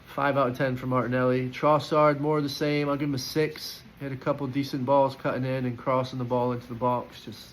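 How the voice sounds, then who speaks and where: This football fan's post-match player ratings come out chatty and opinionated, packed with fillers and false starts. He talks fairly quickly with few pauses, in a level, ordinary-pitched voice. A faint hiss sits under the rough recording.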